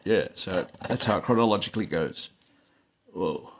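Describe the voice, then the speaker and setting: Speaking in a low voice with lively intonation at a moderate pace, this vlog host talks casually to camera from a phone on a stand. Background noise is audible, and his rambling is packed with "like, you know" fillers and frequent laughs.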